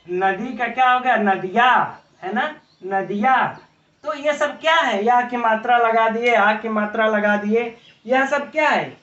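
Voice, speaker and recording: A man teaching an exam-prep lecture, explaining with examples, posing rhetorical questions and often adding a quick "right?" tag. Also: sits high, a bit bright. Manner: frequent tag "है ना". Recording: roomy, distant, dull lo-fi audio.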